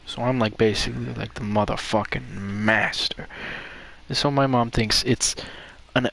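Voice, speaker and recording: Bright-voiced young man telling a profane story. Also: medium pitch, normal speed, creaky. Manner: profane, animated storytelling with shouted reenactments. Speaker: podcast host. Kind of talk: casual chat.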